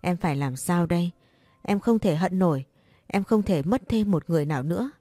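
A woman's voice: lowish voice, expressive, fairly quick, dark tone, no echo. Woman reading a heartbroken young woman pleading. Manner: pleading, desperate. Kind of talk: audiobook character reading.

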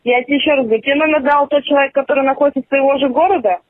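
Fast-talking foul-mouthed young woman. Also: high-pitched, no echo. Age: late teens. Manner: aggressive, swears nonstop. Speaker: prank call target. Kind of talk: angry phone conversation. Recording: tinny dry phone line.

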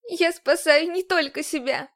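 A woman's voice: very high voice, measured pace, voice pushed up. A young woman on the run, tearful yet defiant in an audiobook scene, as the woman narrator voices her. Her lines come raised and urgent, with a pleading edge.

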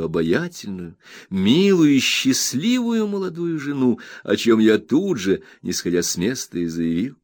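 A man narrating a literary audiobook in an expressive storytelling manner. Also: on the low side, no room sound, clean studio sound.

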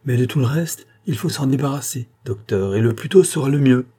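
A cold, scheming occultist, read by a man who lays out his case in long, sweeping, relentless periods. The voice is dark and husky, with a mellow, low warmth under the grandeur. It sounds like an audiobook character reading. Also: a little fast, close to an everyday voice. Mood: grandiose.

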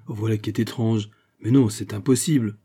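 Man reading as haughty commanding nobleman, dark husky low voice, imperious. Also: steady tone, a little fast. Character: proud, commanding male French financier.

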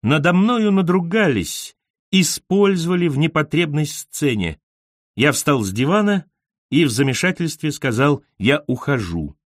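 A man's voice: fairly high pitch, animated, moderate pace, no room sound, clean studio sound. A man narrating a literary story in a wry, ironic storytelling manner.

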